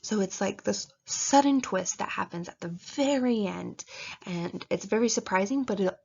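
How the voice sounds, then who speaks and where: Gravelly, husky woman giving chatty writing tips. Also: medium pitch, normal speed, darkish tone. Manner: chatty, many fillers, acts out reader reactions. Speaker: writing advice presenter. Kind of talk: casual instructional talk. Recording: dull lo-fi recording.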